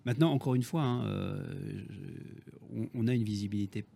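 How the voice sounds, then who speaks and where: A man's voice: fairly low pitch, moderate pace, gravelly, mellow, slight background noise. A man with a Parisian French accent explaining things as a business guest in a panel discussion, repeating key phrases for emphasis. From Paris region, France. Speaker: business executive, guest on the show.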